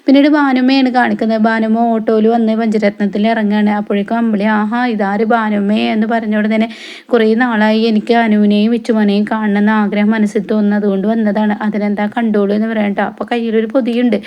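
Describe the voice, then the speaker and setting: A woman rattles through the plot of a TV serial in a quick, steady patter. Her pitch barely moves as she passes lines from one character to the next. Small "eh" fillers and soft tag words close off many of her sentences. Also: lo-fi sound. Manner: rapid, even retelling with frequent "eh" fillers and soft trailing tag words. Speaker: TV serial recap vlogger. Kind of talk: casual retelling of a TV serial episode.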